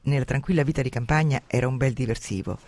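A man hosting a radio program on literature, retelling and commenting on an adventure novel in a lively, dramatic way. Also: mid-range voice, quick pace, dry recording. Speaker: radio host presenting a novel.

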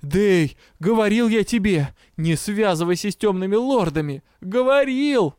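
A man voicing a hot-tempered male drow who shouts in outrage. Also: high voice, moderate pace, no room sound, studio quality, voice pushed up, lightly acted. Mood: outraged. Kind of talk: audiobook reading.

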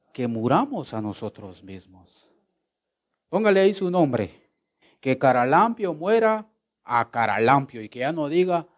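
A man preaching a devotional sermon, asking the listener questions and answering them himself, swinging between loud exclamations and low, hushed phrases.

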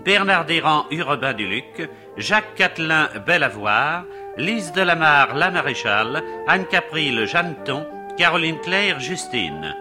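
A man with a fairly high, animated voice announces an old radio serial in theatrical 1950s style. He declaims titles and credits over music, in a vintage broadcast recording. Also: unhurried.

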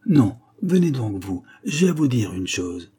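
A bold little boy, eager and brave, whose voice climbs higher and louder as he speaks up, played by a male narrator. The tone stays husky and soft-edged underneath, a child from a storybook. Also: very animated, a little slow, full character voice.

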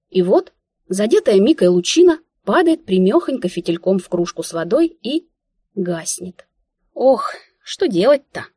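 Husky-voiced woman reading an audiobook. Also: medium pitch, dry recording, studio quality. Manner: ironic and expressive. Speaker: audiobook narrator. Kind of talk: first-person audiobook narration.

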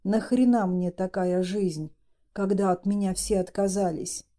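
Женщина за озлобленного раненого мужчину. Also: female voice, mid-range voice, fairly even intonation, measured pace, mellow, lightly acted. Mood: bitter. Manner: bitter, mocking. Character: bitter injured man, groaning and spiteful.

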